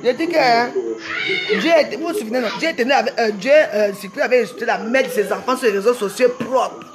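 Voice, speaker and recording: A woman's voice: a little high, fast talker. A woman speaking bluntly and emphatically in a casual, ranting monologue as an online commentator.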